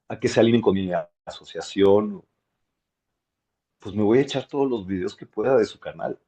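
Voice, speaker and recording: Guy voice coach giving a masterclass, lowish mellow voice, animated, repeats stuff for emphasis. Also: highs cut off. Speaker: voice and speaking coach. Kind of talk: masterclass teaching.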